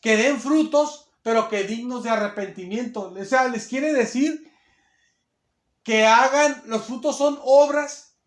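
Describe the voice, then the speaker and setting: Speaking slowly in a very high-pitched voice, a man preaches a sermon on the Bible in a church hall with a roomy echo. He stresses his points emphatically, acts out quotes, and restarts a lot.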